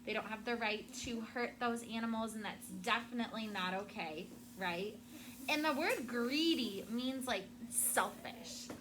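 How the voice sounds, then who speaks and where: In a classroom with clear room noise, a female teacher reads to the children, her high voice moving a little slowly. She keeps her explanations simple and frequently asks whether they're following along.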